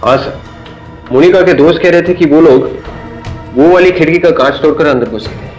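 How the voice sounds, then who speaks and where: A man's voice: on the high side, a little fast, darkish tone, faint music behind, close to an everyday voice, rough recording. An actor playing a junior police officer who speaks deferentially and raises questions to his superior. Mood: puzzled. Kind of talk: TV crime drama acting.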